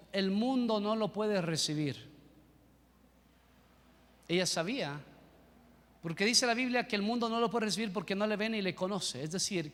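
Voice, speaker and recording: A man's voice: sits high, fairly bright tone. A man preaching a sermon as pastor, telling a story and then pressing his point with fervor. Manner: storytelling, rising to fervent preaching. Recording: reverberant church hall with music.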